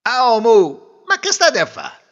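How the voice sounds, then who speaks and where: A man voicing a fed-up young groom, scolding loudly and sarcastically. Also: sits high, huge pitch swings, fairly quick, voice pushed up, full character voice. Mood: exasperated. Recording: dull lo-fi recording.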